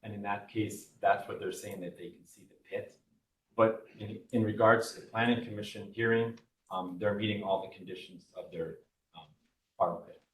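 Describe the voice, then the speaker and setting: A man presenting at a public hearing, halting and using frequent ums. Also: lowish voice, fairly even intonation, a bit bright. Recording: echoey hall, distant mic, faint noise.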